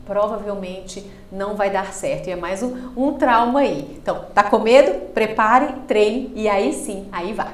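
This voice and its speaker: A Brazilian woman, a speech therapist guest on a podcast, explaining with expressive swings in pitch and loudness. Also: unhurried, hardly any pauses. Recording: roomy studio echo.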